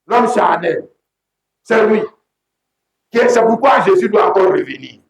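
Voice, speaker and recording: A man preaching a sermon as pastor, emphatic and repetitive, often breaking into shouts. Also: high-pitched, animated, moderate pace, gravelly. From Côte d'Ivoire. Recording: echoey room.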